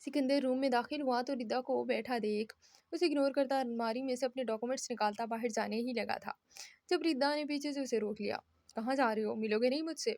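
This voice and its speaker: High-voiced woman reading a novel aloud. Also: fairly quick, a little mellow, no echo. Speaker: novel narrator.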